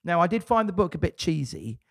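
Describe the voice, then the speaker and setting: A man's voice: on the high side, very animated, a little fast, vocal fry, no room sound. A man co-hosting a casual podcast, rambling and restarting his sentences. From England. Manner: rambling, self-interrupting, swears casually. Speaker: podcast co-host.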